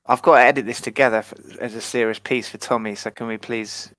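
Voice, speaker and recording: A man hosting a casual football fan panel with a bright, crisp voice. He banters and teases the guests while steering the chat. The sound is dry and close. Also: medium pitch, fairly even intonation, fast, no echo. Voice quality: bantering, teasing. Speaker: host.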